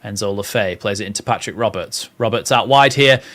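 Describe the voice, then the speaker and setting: His voice is on the low side, a little fast and a bit bright: a young northern English man calling a football match live for a watchalong audience. He swings between play-by-play and reading out what viewers post.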